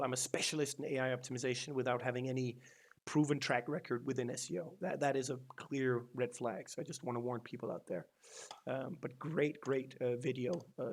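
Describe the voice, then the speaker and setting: Hosting his channel's casual SEO news roundup, a man from Denmark talks in a rambling way, full of ums and restarts. The voice is mid-range and gravelly.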